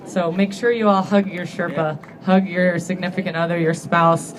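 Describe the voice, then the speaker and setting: A woman in her thirties giving an emotional acceptance speech at a banquet, earnest and grateful, turning teary and halting at times. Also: on the low side, fairly even intonation, crowd noise, poor audio. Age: 30s. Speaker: award-winning athlete giving a thank-you speech. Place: banquet hall with an audience.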